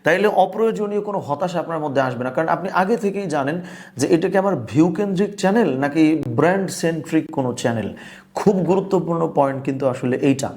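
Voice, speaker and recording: A man's voice: fairly high pitch, lively intonation, very fast, a little mellow. A young man from Bangladesh, a business and productivity coach, giving casual, conversational advice to camera and mixing in English words.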